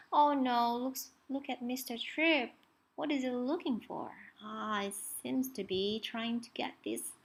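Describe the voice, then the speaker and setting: Reading a children's story with lots of expression, a woman pauses now and then to point things out and put questions to her young listeners. Her voice is a little high.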